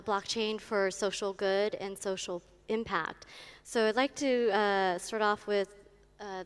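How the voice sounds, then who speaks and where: A woman moderating a conference panel, asking questions in a halting way with many fillers. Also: medium pitch, clean tone. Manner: halting, many uhs and ums. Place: conference stage. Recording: reverberant conference hall.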